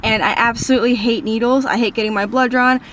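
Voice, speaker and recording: Poor audio with a little hiss or hum carries a fast-talking teen girl whose voice is on the high side, fairly bright, and fairly even in intonation. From a parked car, this Minnesota book vlogger with a northern accent bubbles along through viewer questions, rambling and self-deprecating.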